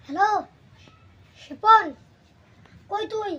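A man's voice: very high-pitched, slow, pushed and bright, lo-fi sound, exaggerated voice. A man playing a boisterous, bossy young drinker in a comedy skit, full of exclamations. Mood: rowdy, inviting.

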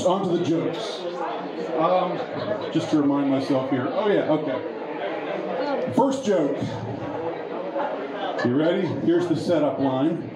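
Rambling comedian in an echoey bar. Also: male voice, high voice. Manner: halting, rambling delivery with many restarts. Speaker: stand-up comedian. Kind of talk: stand-up set. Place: bar with a pool hall. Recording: echoey bar with crowd behind.

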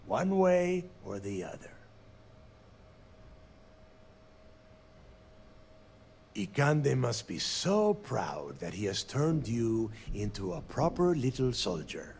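An actor playing a cunning, bitter space pirate captain in a video game, sneering and taunting, dropping into hushed asides. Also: male voice, fairly low pitch, big pitch swings, unhurried, creaky, slight background noise, full character voice. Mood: menacing. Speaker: game character.

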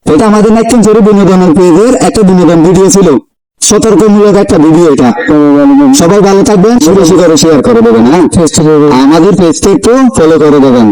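A man's voice: sits high, quick pace, dark tone, poor audio. A man presenting a comedy page, speaking straight to his viewers. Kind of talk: direct address to viewers, sign-off.

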